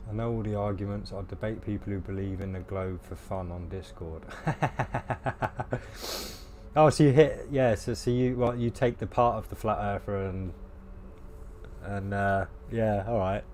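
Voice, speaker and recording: Brief: hoarse gaming streamer, rambling chat, faint hiss behind. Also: male voice, lowish voice, a little slow, a little mellow. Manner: rambling, many fillers, laughs at himself. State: losing his voice, coughing. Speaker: game streamer. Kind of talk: casual live-stream chat with viewers.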